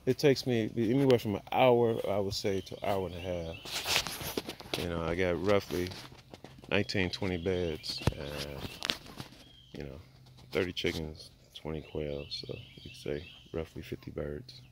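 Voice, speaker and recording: Here a low, steady, unhurried male voice carries a relaxed walk-and-talk tour of a homestead, stopping by the chicken coops in the backyard. He muses aloud, full of fillers, while a handheld phone catches him along with background noise.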